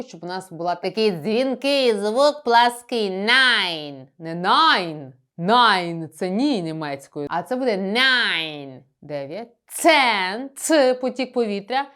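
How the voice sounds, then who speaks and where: A young adult woman teaching English pronunciation, slowly drilling sounds and explaining where to put the tongue. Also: mid-range voice, a bit bright, clear, resonant tone. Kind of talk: pronunciation lesson.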